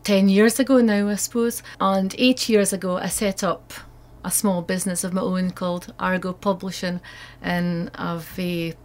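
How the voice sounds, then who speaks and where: A woman's voice: medium pitch, fairly even intonation, normal speed, hardly any pauses, darkish tone. A woman with a North East Scottish accent, an author answering questions in an interview. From North East Scotland. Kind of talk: interview answers about own work.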